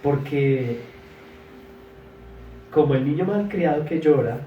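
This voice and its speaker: A pastor preaching a sermon, swinging between loud emphatic exclamations and soft asides, and stretching words slowly for emphasis. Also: male voice, a little high, expressive, recorded from a distance, dull audio, slight background noise. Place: church hall. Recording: echoey church, voice from afar.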